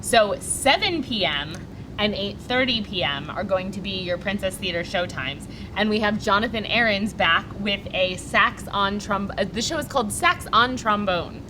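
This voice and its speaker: A woman's voice: medium pitch, animated, normal speed, noisy background. A woman hosting a morning lifestyle show aboard a cruise ship, bubbly and enthusiastic as she runs through the day's events. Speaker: show host. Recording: music playing underneath.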